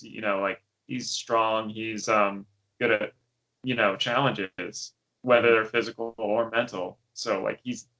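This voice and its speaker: A man's voice: medium pitch, a bit bright, rough recording. A young man co-hosting a podcast, chatting casually about a TV show with lots of fillers and restarts. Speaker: podcast co-host. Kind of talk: casual chat.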